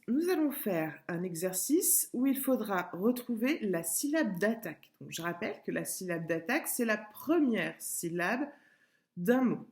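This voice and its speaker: Patient woman teacher, slow and lively in pitch, for a recorded early-school lesson. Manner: slow, patient, spells out syllables and repeats words. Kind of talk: remote classroom lesson video.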